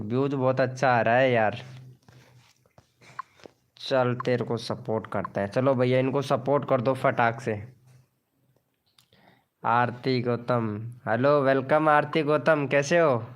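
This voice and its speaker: A man's voice: medium pitch, fairly even intonation, measured pace. A young man hosting a casual live stream from home, greeting viewers by name and reading out their chat messages.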